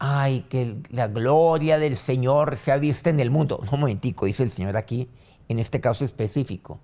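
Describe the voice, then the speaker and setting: A man pastor preaching a sermon and leading a prayer, his voice swinging from loud rising lines to soft low ones. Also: normal speed. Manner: preaching with sudden rises and soft drops.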